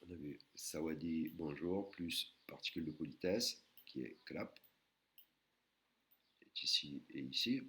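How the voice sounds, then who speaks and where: A man teaching a recorded language lesson, patiently explaining and sounding out words slowly, syllable by syllable. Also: rumbling low, sharp tone. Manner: slow, careful, syllable-by-syllable pronunciation of Thai words.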